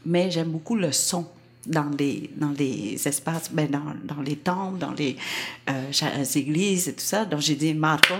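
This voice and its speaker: A woman with a Québécois accent telling a personal anecdote to an audience, animated and laughing often as she talks. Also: deep voice. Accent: Québécois French. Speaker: storyteller.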